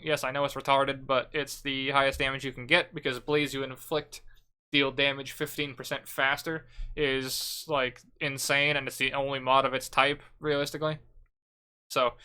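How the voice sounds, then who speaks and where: A young man with a bright, forceful voice talks through a game guide in a loose, offhand way. His tone is smooth and crisp, close on a desk mic. He swears here and there without slowing down. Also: mid-range voice. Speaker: gaming content creator. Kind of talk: casual gear guide talk.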